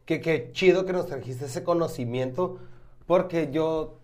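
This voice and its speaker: A man's voice: on the high side, measured pace, a little mellow. A man with a Mexican accent hosting a casual podcast chat over a beer tasting, joking crudely and swearing often. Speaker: podcast host.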